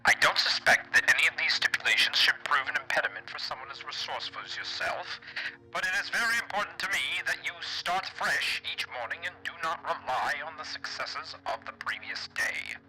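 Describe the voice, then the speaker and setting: Guy doing a posh old gentleman reading a letter, super bright tone, old gramophone sound, formal and slow. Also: a little high, expressive, soft background music, low-quality recording. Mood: solemn. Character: dignified old man reading his letter aloud. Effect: old gramophone-style filter. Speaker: streamer reading a game letter.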